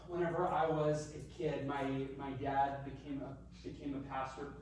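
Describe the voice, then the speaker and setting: A man's voice: mid-range voice, a little mellow, a little hiss or hum. A male pastor delivering a chatty sermon, repeating phrases for emphasis and joking about himself. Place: church sanctuary. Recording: very echoey room from far off, faint ambience.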